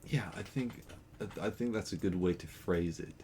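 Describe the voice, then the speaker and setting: Casual gaming chat comes from a young Dutchman who laughs often and wanders playfully between topics in his Dutch accent. He speaks at a moderate pace in a low, slightly mellow voice, with some background noise present.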